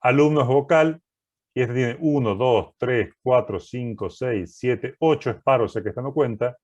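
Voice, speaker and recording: A man of medium pitch teaches a programming class at a moderate pace, methodically stepping through code and repeatedly checking that students follow with "¿sí?". The recording's highs are cut off.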